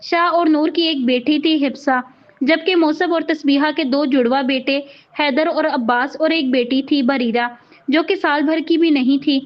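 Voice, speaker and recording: A woman with a high voice reads a romance novel aloud, keeping a steady storytelling manner. The audio is slightly dull and muffled. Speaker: novel reader.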